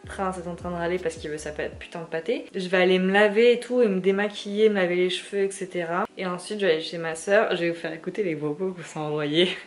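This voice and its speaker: A young woman with a soft, sleepy voice chatting casually at home in her vlog, swearing freely. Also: on the low side, fairly even intonation, quick pace, hardly any pauses, faint music behind. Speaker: vlogger.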